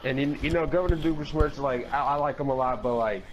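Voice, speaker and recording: A man's voice: medium pitch, quick pace, muffled recording, a little hiss or hum. A man hosting a parody political panel, rambling with lots of fillers and repeated words in an improvised online chat. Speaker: mock political panel host. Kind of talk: improvised parody talk show.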